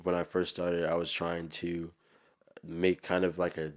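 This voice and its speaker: A man's voice: sits low, completely flat delivery, a little slow. A man with a New Jersey accent, chatting casually and in a slangy, rambling way as a musician being interviewed.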